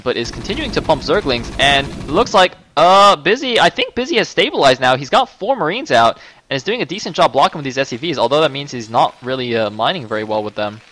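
A man casting a live strategy game match, getting louder and higher as the fights heat up. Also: low-quality recording. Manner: excitable, voice rises with the action. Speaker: esports caster.

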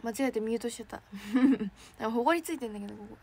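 A young woman, an idol trainee, chatting casually on a livestream and reacting excitedly to fan messages. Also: fairly high pitch, rapid-fire, husky. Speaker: idol trainee streaming to fans.

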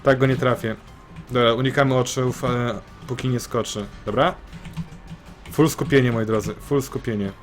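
A man giving excitable let's-play commentary, swearing and repeating phrases in bursts. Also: mid-range voice, moderate pace, soft background music. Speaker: gameplay commentator.

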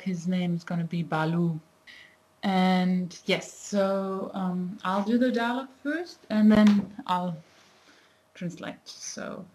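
A young woman giving an informal language lesson to camera in a halting, thinking-aloud way. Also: mid-range voice, darkish tone, a little hiss or hum, poor audio. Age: young adult. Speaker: language teacher.

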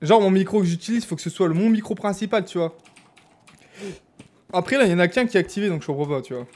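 A young man from France giving casual, animated commentary as he streams a game. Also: high voice, quick pace. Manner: chatty, animated, jokey, exclaims loudly. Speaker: gaming streamer. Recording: faint background noise.

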